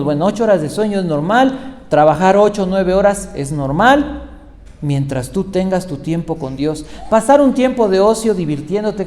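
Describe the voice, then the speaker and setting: Male pastor, mellow voice, lively sermon with questions, reverberant hall. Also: sits high. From Mexico. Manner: animated preaching, asks the congregation questions. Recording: reverberant hall with faint noise.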